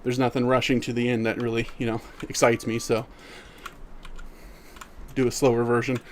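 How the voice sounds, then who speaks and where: A middle-aged man live-streaming, who reads chat aloud and answers it in a relaxed, easygoing way while walking in place. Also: mid-range voice, normal speed, a little hiss or hum.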